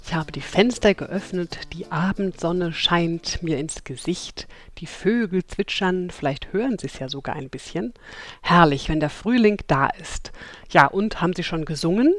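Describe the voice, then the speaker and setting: A woman's voice: fairly low pitch, a little slow, no room sound. A woman in her thirties from Berlin hosting a self-help podcast, talking chattily and directly to her listeners with light laughs. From Berlin, Germany. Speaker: podcast host. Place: room with open windows.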